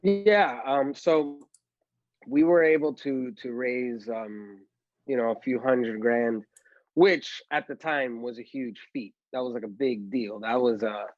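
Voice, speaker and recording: This guest filmmaker from Miami, Florida speaks slowly with a medium-pitched, slightly mellow voice, narrating his story in a laid-back podcast chat full of "like" and "you know." The lo-fi recording carries no room sound.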